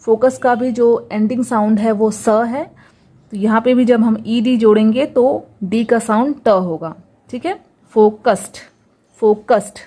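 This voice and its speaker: A woman's voice: fairly high pitch, measured pace, mellow. A woman teaching English pronunciation, patiently repeating each example word and asking rhetorical questions. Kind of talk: Hindi-language lesson on English pronunciation.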